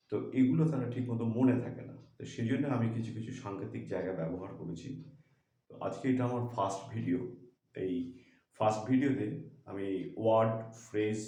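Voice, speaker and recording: Echoey Bengali man teaching grammar slowly. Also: fairly low pitch, mellow. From India. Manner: slow, halting explanation, slows further when reading English. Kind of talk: lesson. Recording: echoey room.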